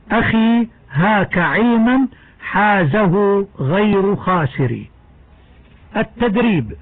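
High-voiced man teaching tajweed slowly. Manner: slow, measured, drawn-out example words. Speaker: Quran recitation teacher. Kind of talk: tajweed lesson with recited examples. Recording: tinny phone-like dry recording.

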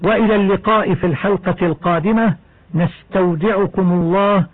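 A man teaching the rules of Quran recitation in a measured, explanatory radio lesson. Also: sits high, steady tone, dry recording. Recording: tinny old radio broadcast.

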